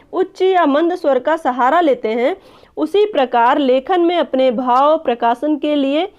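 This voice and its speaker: A woman teacher giving an online lesson, explaining step by step, addressing viewers as friends and often checking with "clear?". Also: high voice. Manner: checks understanding with a repeated "clear?". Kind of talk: online exam-prep lesson. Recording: dull lo-fi recording.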